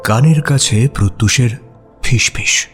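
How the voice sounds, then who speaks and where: A male actor with a medium-pitched, fairly everyday voice plays a detective's observant companion, narrating a mystery in a scripted audio story. His delivery is measured, expressive and suspenseful, over soft background music.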